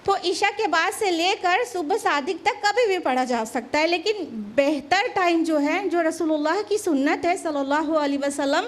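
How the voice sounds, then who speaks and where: A woman answers religious questions in a calm, explanatory way. She mixes English terms into her talk. Her voice sits high. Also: normal speed, few pauses. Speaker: Islamic scholar answering questions.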